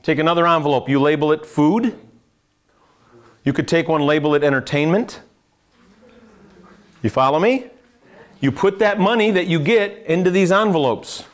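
A middle-aged American financial adviser lectures a live class in a higher-than-average voice, moving at a moderate pace with long pauses. He talks conversationally, quizzing students and making wry, sarcastic comments.

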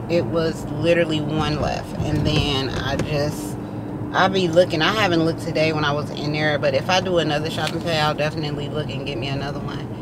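A woman, chatting casually and rambling to viewers while she drives. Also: low-pitched. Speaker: delivery driver vlogger. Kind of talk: casual chat while driving. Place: inside a car, driving. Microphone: dashboard camera mic. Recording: loud road noise in a moving car. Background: car and road noise.

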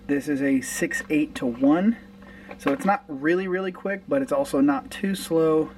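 A fishing vlogger in his thirties chats casually to camera about his fishing gear, late at night in his home garage. His fairly high voice sounds far from the mic and the recording is rough, even though the camera sits close in front and is sometimes handheld. He's relaxed and rambling, full of fillers and restarts.

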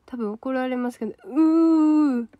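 A woman's voice: a little high, level tone, fast, dark tone, no room sound, lo-fi sound. A young woman with a Kansai accent, hosting a solo livestream and chatting casually as she reacts to viewer comments aloud. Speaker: idol trainee livestream host.

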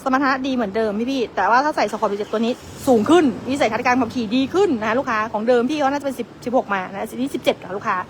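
A woman giving a fast, chatty sales pitch in a tire shop, calling out prices to customers. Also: slight background noise. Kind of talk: live-sale product pitch.

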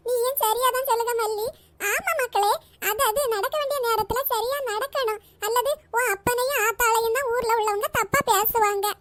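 Cartoon role: very high-pitched doting old grandmother, fond and teasing, voiced by a woman. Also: normal speed, a bit bright. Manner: fond, calls granddaughter dear, chuckling. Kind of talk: cartoon voice acting.

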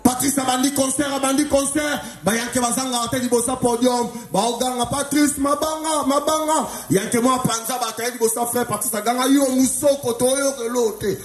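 A high-voiced Congolese comedian works a live crowd with animated stories, slipping between two languages and shouting out his punchlines. His voice bounces around a reverberant hall. Faint music plays under him. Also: normal speed, few pauses. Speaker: stand-up comedian. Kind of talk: live stand-up storytelling.

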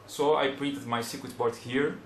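A young man from Brazil with a Brazilian Portuguese accent, in his twenties, speaking English as a second language in a casual how-to demonstration. He talks in a plain, unhurried way and searches for words, at a desk in a small room. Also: mid-range voice, steady tone, a bit bright, echoey room, slight background noise, low-quality recording. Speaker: hobbyist demonstrator.

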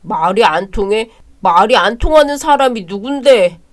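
A woman's voice: medium pitch, expressive, moderate pace, natural voice. A woman voicing a sullen young male student who talks curtly and sarcastically. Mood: sarcastic. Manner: curt and sarcastic.

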